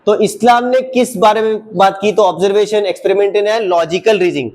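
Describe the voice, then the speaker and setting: A man's voice: high-pitched, brisk, a little mellow. A man teaching a class of children in a classroom, coaxing and asking them the same question again and again. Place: classroom with a projector.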